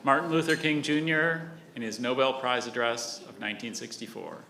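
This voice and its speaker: A man acting as spelling bee pronouncer, reading out words, definitions and example sentences in a measured, formal way. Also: medium pitch, fairly even intonation, bright, forceful tone, reverberant, poor audio. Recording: live stage with background noise.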